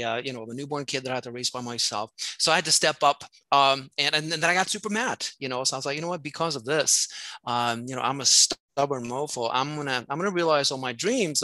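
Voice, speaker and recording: A man's voice: fairly high pitch, bright, forceful tone, no room sound. A man from Norway, a musician guest, talking candidly over a video call with loose storytelling and many fillers.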